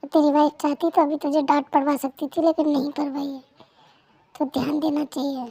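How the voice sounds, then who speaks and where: A woman's voice: high voice, flat delivery, brisk, mellow, voice pushed down. A woman voicing a stern elder brother who scolds and lectures the family, in a Hindi fan dub. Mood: lecturing.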